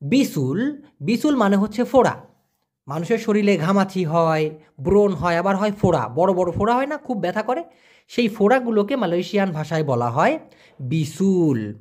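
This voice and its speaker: A man's voice: high voice, big pitch swings, normal speed, darkish tone. A man giving a casual vocabulary lesson, repeating each word and explaining it with everyday examples. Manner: colloquial, chatty. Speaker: language teacher.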